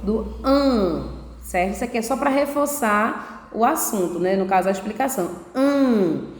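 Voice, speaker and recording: A woman primary school teacher explaining a lesson to young children, patiently sounding out syllables slowly and checking in often. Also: medium pitch, lively intonation. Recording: echoey room, long reverb.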